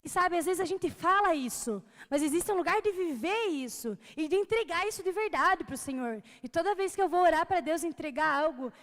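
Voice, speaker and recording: High-voiced Brazilian woman in a reverberant hall. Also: lively intonation, fairly quick, hardly any pauses. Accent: Brazilian Portuguese. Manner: earnest and conversational, laughing often between phrases. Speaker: church member giving testimony. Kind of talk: personal testimony.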